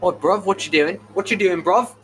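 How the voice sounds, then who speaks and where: A man's voice: high-pitched, moderate pace, fairly bright tone, a little hiss or hum, voice pushed up, poor audio. A man putting on a mock London street accent as a young roadman, making a threat for laughs. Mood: mock-threatening. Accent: put-on London street slang.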